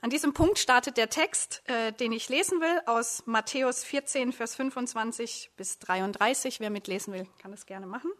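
A woman's voice: on the high side, normal speed, hardly any pauses, a bit bright. A woman preaching a sermon, retelling a Bible story dramatically in second person to her listeners. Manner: dramatic, addressing listeners directly. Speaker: preacher, discipleship program leader.

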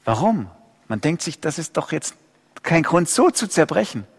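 A male pastor preaching an impassioned sermon, swinging between loud outcries and hushed low asides. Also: very animated, normal speed, breathy edge. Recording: long hall reverb.

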